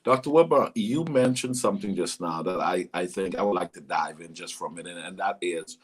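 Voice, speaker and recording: Husky-voiced animated Bahamian-born host. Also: male voice, low voice, a little fast. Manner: animated storyteller, talks to viewers. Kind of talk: livestream interview.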